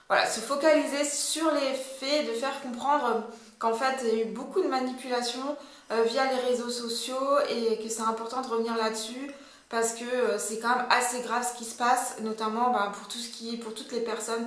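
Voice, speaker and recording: Speaking as a commentator, a French-accented woman walks through a court case in a loose, unsure way, often correcting herself and leaning on filler words. Her voice sits a little high with some brightness, and the room echoes heavily.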